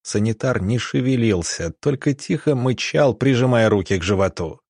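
An audiobook reader narrates in a steady, even storytelling style, his voice mid-pitched and his pace normal. The recording is studio quality with no room sound.

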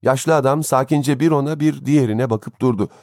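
A man reading a story aloud as an audiobook narrator, in a measured, expressive way. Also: mid-range voice, no room sound, clean studio sound. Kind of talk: scripted narration.

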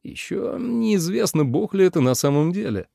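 A man voicing a stern elder brother who speaks gravely in a storybook reading. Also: mid-range voice, lively intonation, moderate pace, warm tone, no echo, clean studio sound, natural voice. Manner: grave, sober.

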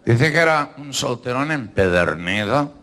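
A man's voice: mid-range voice, lively intonation, measured pace, a bit bright, slight background noise. A man with a Catalan accent telling jokes, acting out every part himself and mixing in Catalan words. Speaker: joke teller.

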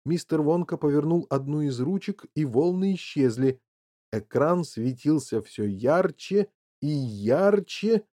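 An audiobook narrator reading a children's story in an expressive, measured way. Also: mid-range voice. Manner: animated, measured.

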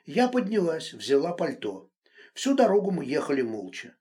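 A man narrates a novel in a measured storytelling voice. His pitch sits a little high and moves with lively inflection. The delivery is scripted and even-paced. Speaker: audiobook narrator.

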